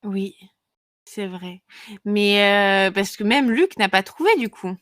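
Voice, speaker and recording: A woman co-hosting a casual podcast chat, giggly and quick, often breaking off mid-sentence. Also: medium pitch, fairly bright tone. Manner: giggly, quick, easily distracted. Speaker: podcast co-host.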